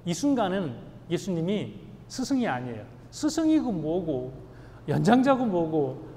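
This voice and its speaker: Brief: male pastor preaching, high voice, emphatic, long reverb of a large hall. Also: slight background noise. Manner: emphatic, swings from loud stresses to hushed asides. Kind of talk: sermon. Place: church sanctuary.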